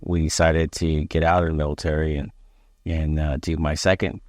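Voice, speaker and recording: Deep monotone guy, police chief talkin about his past, lots of ums, dry close sound. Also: no room sound. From Barbados. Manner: measured, hesitant with many fillers. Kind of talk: interview conversation.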